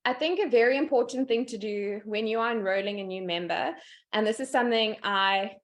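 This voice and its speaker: A woman's voice: on the high side, brisk, lo-fi sound. A woman giving a casual presentation as a guest on a video call, chatty and upbeat with frequent laughs. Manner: chatty, upbeat, laughs often between points. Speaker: guest speaker, sales team leader.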